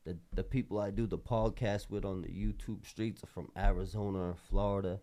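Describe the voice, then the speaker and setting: A man from the Boston area, Massachusetts, with a Boston accent, speaks in a lowish, dark-toned voice, a little fast and with fairly even intonation. He's a podcast host talking casually in street slang with an emphatic, rambling flow.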